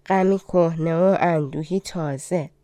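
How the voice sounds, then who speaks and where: A woman voicing an old limping fortune-teller, a fairy in disguise, in a storybook reading, speaking in a gentle, coaxing and mysterious way. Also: deep voice, steady tone, no room sound, studio quality, lightly acted. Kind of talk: audiobook fairy tale reading.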